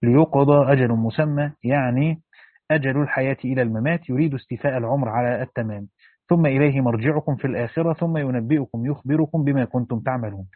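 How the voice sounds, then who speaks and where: A man's voice: medium pitch, quick pace, dry recording. An Egyptian man reading a religious commentary aloud, breaking into casual explanatory asides. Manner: switches from formal reading to colloquial explaining. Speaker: audiobook reader and explainer. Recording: tinny phone-like dry recording.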